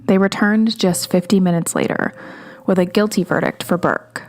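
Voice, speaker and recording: A woman podcast host narrating a true-crime story in a measured, steady way. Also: lowish voice.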